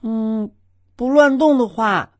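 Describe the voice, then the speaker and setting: A woman's voice: on the high side, takes it slowly, a little mellow. A woman voicing a curious, mischievous young boy in a children's audio drama, eager and playful.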